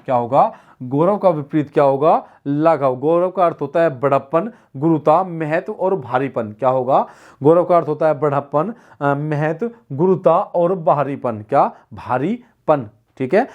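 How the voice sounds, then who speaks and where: A man leads an online exam-prep class in Hindi grammar, with a voice a little higher than most men's. He keeps asking a question, answers it himself and repeats the answer. His delivery is steady, patient and drill-like. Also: moderate pace, narrow, tinny audio. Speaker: Hindi teacher.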